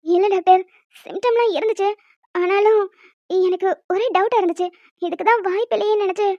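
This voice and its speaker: An earnest young wife from a cartoon, heartfelt and close to tears, with a high voice. The sound is dry and a little dull. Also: female voice, brisk, no echo. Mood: tearful. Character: emotional young wife, tearful and joyful.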